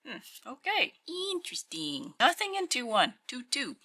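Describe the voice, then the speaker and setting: Opening card packs at an indoor tabletop, a channel host gives casual hands-only unboxing commentary in a slow, musing way, reading out weights. Her croaky morning voice is high, very animated and sharp, with a little hiss or hum.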